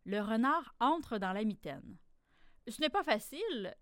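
Woman reading a kids' story, slow and very lively in tone, close dry mic. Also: fairly high pitch, no room sound. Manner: slow, expressive read-aloud. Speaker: podcast host and storyteller. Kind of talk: storytelling for children.

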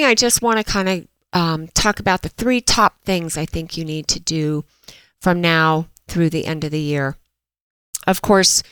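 A woman's voice: fairly low pitch, fairly bright tone, smooth, no room sound, low-quality recording. A woman hosting a dental marketing podcast in a chatty way, a little stuffy from allergies, with frequent fillers and restarts. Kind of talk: casual podcast talk.

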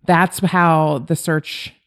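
A woman's voice: low-pitched, level tone, very slow. A woman hosting a true crime podcast, retelling a case from her notes in a chatty way. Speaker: podcast host.

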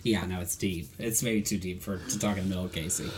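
A man's voice: deep voice, fairly even intonation, fast talker, a little hiss or hum. A man co-hosting a casual podcast chat about pop music, rambling with lots of fillers and restarts. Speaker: podcast co-host.

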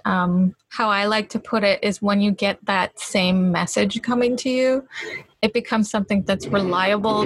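A woman's voice: mid-range voice, slightly rough, no room sound, poor audio. A woman hosting a conversational interview, agreeing readily and affirming her guest's points. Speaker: interviewer, host.

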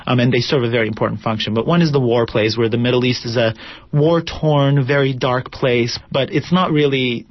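A Turkish theater director answers interview questions thoughtfully and reflectively, using many fillers. His voice is medium in pitch and sounds dry, heard on a dull, lo-fi radio broadcast.

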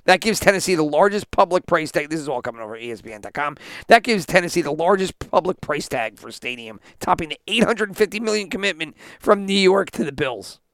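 A man's voice: a little high, animated, fairly quick, few pauses, fairly bright tone, no echo, clean studio sound. Indignant swearing man ranting on a podcast. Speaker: podcast host. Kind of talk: profane ranting sports podcast.

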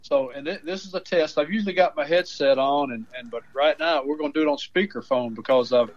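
A man's voice: a little high, brisk. An older man, telling a rambling folksy tale over a phone speaker. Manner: rambling, restarts often. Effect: heard over a phone speaker. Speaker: author and storyteller. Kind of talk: folksy storytelling. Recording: muffled speakerphone call.

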